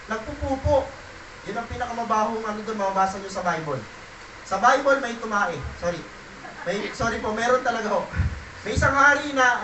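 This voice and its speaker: A man preaching a sermon in an animated way, swinging from loud bursts to quiet, low stretches. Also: roomy sound, recorded from a distance, noisy background. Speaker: pastor.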